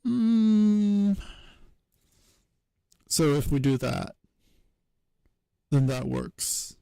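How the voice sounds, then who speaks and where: A man streaming as he works through a linguistics problem, thinking aloud in a hesitant, wry way with many pauses. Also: on the high side, gravelly, mellow, dry recording. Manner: hesitant self-talk with many pauses and fillers.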